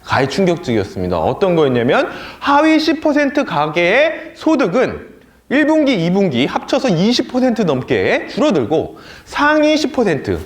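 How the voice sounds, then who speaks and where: A male lecturer teaching a political education class, with a slightly high voice that swoops up and down in lively bursts. He is animated and now and then mimics opponents in a sneering tone. The sound comes from an echoey lecture room.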